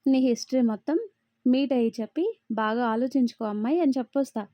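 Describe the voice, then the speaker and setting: A woman doing a teasing excitable young man, storybook, mellow tone. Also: on the high side, fast talker, no echo, lo-fi sound, natural voice. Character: young man Aditya, teasing, loud-reacting friend. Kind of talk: storybook read-aloud.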